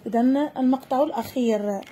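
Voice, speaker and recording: A woman with a Moroccan accent leads a lesson for young children, and her voice sits high. She stretches each word out slowly and clearly so that the children can repeat after her. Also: mellow, a little hiss or hum. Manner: slow, drawn-out word modelling for children. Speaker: teacher. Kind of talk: first-grade lesson.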